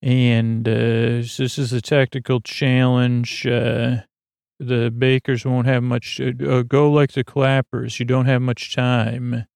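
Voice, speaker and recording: A man hosting a sleep podcast, recapping a show in a meandering, halting way with many fillers and restarts. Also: medium pitch, little pitch movement, gravelly, darkish tone, smooth, dry recording, clean studio sound. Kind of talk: rambling bedtime recap.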